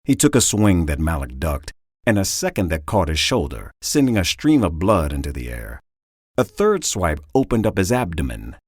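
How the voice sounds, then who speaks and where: A man reading an audiobook in dramatic, expressive storytelling, close to the mic. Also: low-pitched, moderate pace, husky, no room sound. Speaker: audiobook narrator. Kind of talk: scripted audiobook narration.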